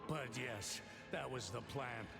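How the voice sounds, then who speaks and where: An actor playing a terse, evasive and blunt hunter and weapons specialist in a video game. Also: male voice, mid-range voice, takes it slowly, gravelly. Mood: dry, matter-of-fact. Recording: echoey hall reverb, music behind.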